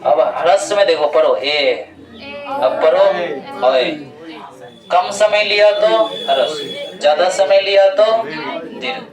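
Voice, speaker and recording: Slow-explaining male teacher in an echoey classroom. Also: high voice, far from the mic, crowd noise. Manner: slow, repetitive explaining, quizzing students. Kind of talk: classroom grammar lesson. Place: classroom with students.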